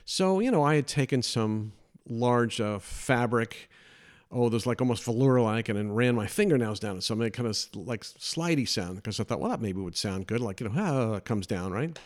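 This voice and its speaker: An older man hosting a podcast, telling chatty, animated anecdotes from his career. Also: mid-range voice, moderate pace. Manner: chatty, animated anecdotes with put-on quoted voices. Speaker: podcast host. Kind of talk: casual storytelling.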